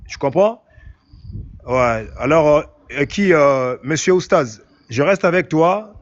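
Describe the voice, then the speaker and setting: A man's voice: a little high, lively intonation, takes it slowly. A man in a heated religious debate, insisting again and again that his question be answered. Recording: muffled lo-fi audio with loud background noise.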